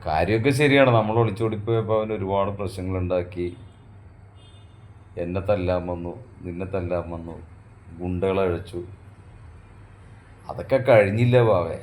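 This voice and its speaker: A man playing a husband in a domestic skit, coaxing and gently scolding his wife in an affectionate way. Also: sits low, moderate pace, pauses often.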